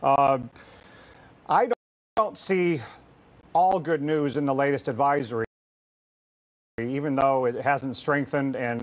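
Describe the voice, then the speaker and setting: Guy hosting live hurricane news, average pitch, kinda stop and start when he talks. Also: low-quality recording. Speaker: weather broadcast host. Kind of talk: live storm coverage interview.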